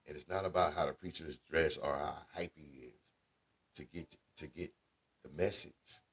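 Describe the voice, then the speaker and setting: A man with a deep voice, telling casual family stories as a radio show host, laid-back and conversational with slang. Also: fairly even intonation, moderate pace, a bit bright, slightly rough. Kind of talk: casual storytelling monologue.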